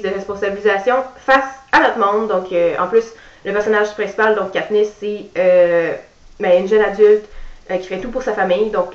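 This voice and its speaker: A young woman from Quebec chatting casually on her vlog, with many fillers, who also reads aloud. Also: mid-range voice. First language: French. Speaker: book vlogger. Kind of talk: casual chat and reading aloud. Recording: roomy, distant, dull sound.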